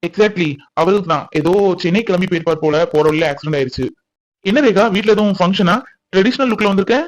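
A man's voice: high-pitched, quick pace, natural voice. A man voicing a kind, easygoing young college man in a cartoon, explaining things casually. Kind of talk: cartoon voice acting.

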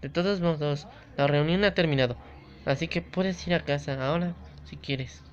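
Un jugador que lee con calma los diálogos de una presidenta de club adolescente y segura de sí misma de un videojuego, en una grabación apagada de baja calidad. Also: medium pitch, moderate pace, lightly acted. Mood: composed. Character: calm confident teenage girl, club president. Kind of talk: reading game dialogue aloud. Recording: dull lo-fi recording.

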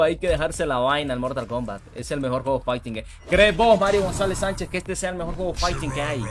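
An excitable male game streamer who chatters in slang, repeats himself and shouts at the fights. His voice sits high and swings widely in pitch, with game music playing loudly behind him. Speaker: live streamer. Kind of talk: casual gameplay stream commentary, greeting chat.

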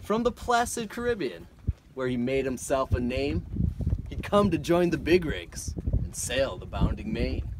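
A man's voice: mid-range voice, sing-song, unhurried, noisy background. A man, a schooner captain, reciting a long sea poem aloud in a hearty, theatrical way. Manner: hearty, theatrical reading with chuckles. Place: aboard a schooner on a harbor cruise, outdoors.

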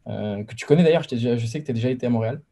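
A young man from the Paris region talks through a webcam from his bedroom. His voice is mellow and dark, and he speaks in a relaxed, rambling way. He often pauses to restart his sentences. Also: medium pitch, vocal fry. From Paris region, France. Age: 20s. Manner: relaxed and chatty, many fillers and restarts. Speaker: guest entrepreneur. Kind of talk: casual interview on a video call. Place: bedroom with framed pictures, indoors. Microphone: video call webcam.

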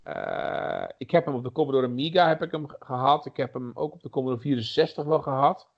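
A man's voice: medium pitch, steady tone, fairly quick. Male podcast co-host, casual and rambling, muffled lo-fi audio. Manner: rambling, many fillers and restarts. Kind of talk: casual chat about retro games.

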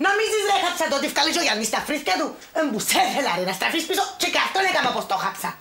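A sharp Cypriot village wife. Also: female voice, high voice, sing-song, roomy sound, full character voice. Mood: mocking. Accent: Cypriot Greek.

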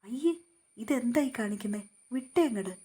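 A woman's voice: a little high, dark tone, husky, voice pushed up. A woman voicing a sassy, stubborn young woman of about twenty who pouts and protests in a storybook reading. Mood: pouty. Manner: pouty, teasing, quick to protest.

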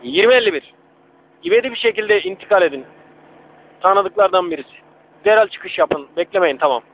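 A man's voice: high-pitched, expressive, fairly quick. A man working as a police dispatcher, calling units over a walkie-talkie radio in clipped call-sign phrases. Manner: clipped, formulaic call signs. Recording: muffled radio with loud static.

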